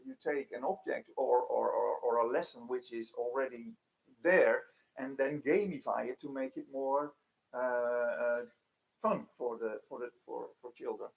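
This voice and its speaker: Creaky-voiced guy, explaining tech stuff at a seminar, stops and starts a lot. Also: mid-range voice, low-quality recording. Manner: halting, searching for words, repeats himself. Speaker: technician co-presenting.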